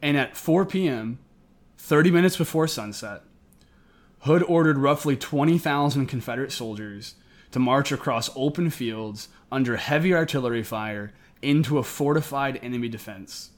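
A man narrates history as a podcast co-host. His voice sits at an average pitch, and he follows a semi-scripted account. He is recording indoors, up in the attic of an old house. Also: normal speed. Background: air conditioning may be running.

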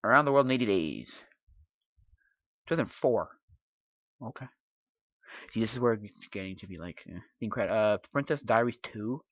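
A man hosting a podcast in casual chat, rambling and halting as he thinks aloud. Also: on the low side, expressive, dry recording. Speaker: podcast host. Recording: dull lo-fi dry sound.

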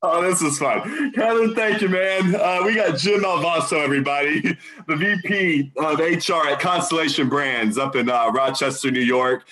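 Give me an enthusiastic male co-host with a bright, slightly high voice. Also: normal speed, low-quality recording. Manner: chatty, rambling and enthusiastic. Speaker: talk show co-host. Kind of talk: casual interview chat.

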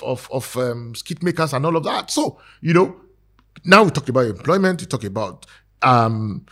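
A man with a Nigerian accent, speaking as a guest in a casual talk-show discussion, earnest and persuasive, with many fillers and restarts. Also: medium pitch. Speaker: guest advocating for skit makers.

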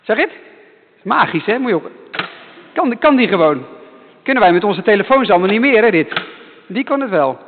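A male pastor giving a lively children's sermon, repeating himself to keep the children's attention. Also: high voice, a little fast, pauses often, big-room sound, phone-quality sound, slight background noise. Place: church.

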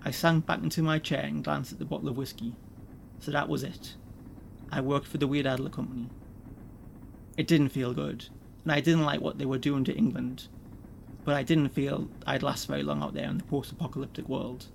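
A man narrating a first-person audio story in a weary, measured way. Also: fairly high pitch, level tone, vocal fry, slight background noise.

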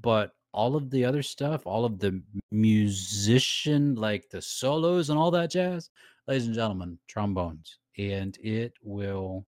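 A man co-hosting a podcast, telling a story in lively casual chat and laughing often. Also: lowish voice, a little slow, no room sound, clean studio sound. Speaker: podcast co-host.

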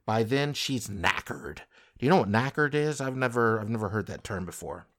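Man, podcast host, lowish voice, rambling, mock-indignant, casual banter. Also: animated, normal speed, fairly bright tone.

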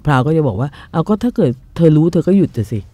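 Animated older woman, mellow voice. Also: sits low, fast, no room sound. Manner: animated, emphatic, mocking asides. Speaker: podcast co-host. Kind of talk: casual discussion.

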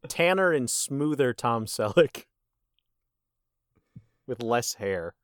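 Brief: male podcast host, smooth resonant voice, dry close sound, wry quizmaster delivery. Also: medium pitch, animated, slow, dry recording. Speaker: quiz host of a movie podcast. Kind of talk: casual podcast chat.

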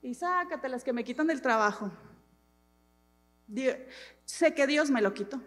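High-voiced woman preaching. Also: measured pace, soft background music. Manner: animated, dramatic preaching with self-mocking humor. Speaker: pastor. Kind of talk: sermon. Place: church hall. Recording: long hall reverb.

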